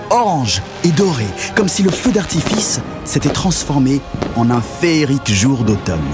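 A man reads a children's story aloud in an expressive voice. His intonation rises and falls widely and he builds up the exciting moments. A faint music bed plays behind him. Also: mid-range voice. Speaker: narrator.

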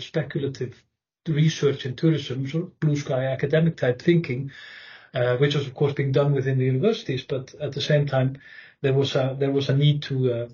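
A middle-aged man from Iceland, a guest academic explaining his background in a halting, thoughtful way. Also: mid-range voice, mellow, breathy edge, muffled recording. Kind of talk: podcast interview. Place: room with host.

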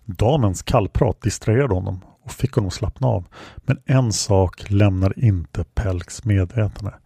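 A man reading a fantasy story aloud as a calm audiobook narrator. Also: fairly low pitch, creaky, breathy edge, no room sound, studio quality. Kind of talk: scripted narration.

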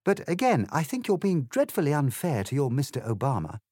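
A prim, well-mannered young English girl in a storybook, speaking with polite, measured reproof, as a man raises his voice to play her. Her lines rise higher than the narration, with a lively lilt, and sound dry and close. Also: no echo. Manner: proper and gently reproving.

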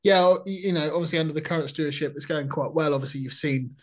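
A man's voice: fairly high pitch, fast. A man hosting a casual interview, asking loose, chatty questions with fillers. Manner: informal, uses fillers like obviously and right. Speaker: podcast host.

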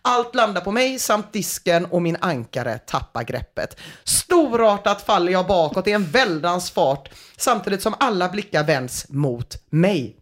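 Podcast host reading listener stories, dramatic, goes quiet then loud. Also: mid-range voice, very animated. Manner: dramatic reading, swinging between loud and hushed. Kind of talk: reading listener stories aloud, casual chat.

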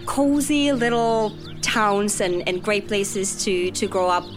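A woman's voice: mid-range voice, slow, over music. Woman chatting as a podcast guest. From Finland. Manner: chatty, with many "right?" and "you know". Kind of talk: conversational interview.

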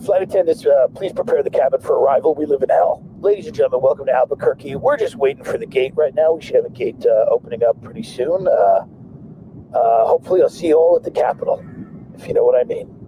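Guy doing a pilot over the plane PA, calm drawly captain voice, lots of uhs, noisy vehicle hum in the clip. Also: mid-range voice, fast. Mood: deadpan. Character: male airline captain ranting over cabin PA.

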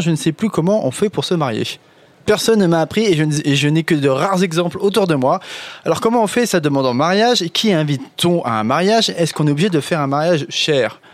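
A man's voice: high-pitched, no room sound. A man hosting a casual radio panel chat, playful and joking as he questions his guests. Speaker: host.

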